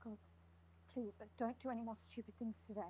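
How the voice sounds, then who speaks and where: A woman's voice: fairly high pitch, flat delivery, quick pace, dark tone, slight background noise, natural voice. A woman playing a subdued, cautious newsroom colleague in a video game. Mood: weary worry. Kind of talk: dramatic game acting.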